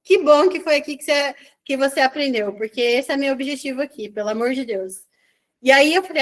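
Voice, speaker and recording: A woman business mentor with a Brazilian Portuguese accent, giving an online mentoring session in a chatty, animated style full of quick asides. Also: high voice.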